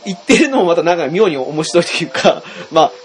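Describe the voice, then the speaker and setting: A man with a fairly high voice talks quickly in relaxed podcast chat. His pitch swings widely as he mixes fillers with playful acted-out shouts. A faint hiss sits behind him. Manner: chatty, many fillers, acts out shouts. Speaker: podcast co-host. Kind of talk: casual chat.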